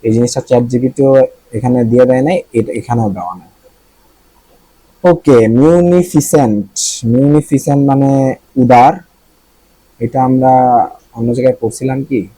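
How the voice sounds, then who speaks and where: A man's voice: medium pitch, fairly even intonation, normal speed, pauses often, dark tone, no room sound, low-quality recording. A man from Bangladesh teaching vocabulary in a casual lesson, thinking aloud, checking pronunciations and joking with the viewers.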